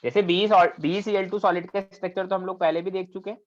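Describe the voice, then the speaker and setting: A man's voice: sits high, fairly even intonation, quick pace. Man teaching a chemistry class. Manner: asks the class questions and checks understanding often; mixes English technical terms into Hindi speech. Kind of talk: classroom lecture on chemical bonding. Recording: dull lo-fi recording.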